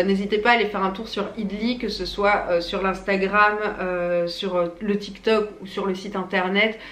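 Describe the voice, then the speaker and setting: Young woman with braces, echoey room. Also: medium pitch. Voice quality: speaks with dental braces. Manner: informal, slangy, chatty. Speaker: YouTuber and small business owner. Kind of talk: casual unscripted chat to viewers. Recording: echoey room, faint background noise.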